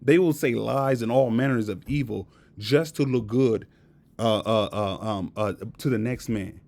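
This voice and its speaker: Man, gravelly voice, mid pitch, blunt profane rant, emphatic and repetitive. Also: unhurried, a little mellow. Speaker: vlogger. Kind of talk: casual unscripted rant.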